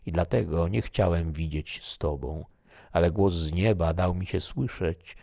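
Audiobook figure: man reading as a solemn soldier, low gravelly voice, slow and measured, dry studio. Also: warm tone, no room sound, heavily acted. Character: grave, fatalistic male soldier.

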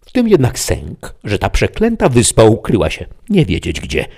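Storybook peasant squire, grumbling and folksy, voiced by a male reader, lively and pushy. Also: lowish voice, moderate pace, creaky, husky, exaggerated voice. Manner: folksy, complaining. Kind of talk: audiobook reading with voices.

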